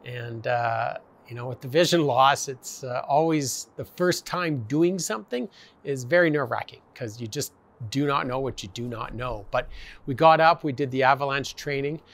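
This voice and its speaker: Man, 40s, outdoor interview, halting recollection, fillers, mid pitch. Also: a bit bright. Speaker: blind skier. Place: outdoors by forest.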